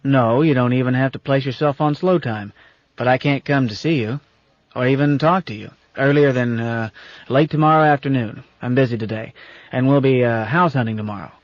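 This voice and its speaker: A man doing a gruff, folksy old captain. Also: medium pitch, normal speed, no room sound, natural voice. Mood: stern, folksy. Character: gruff, bossy old space captain, affectionate. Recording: dull lo-fi audiobook recording.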